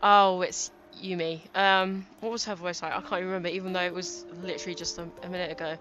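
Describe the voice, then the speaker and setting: Brief: woman streamer, lowish, chatty commentary over game music. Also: fairly even intonation, very fast, muffled recording. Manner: chatty, self-deprecating asides. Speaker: gamer playing a story game.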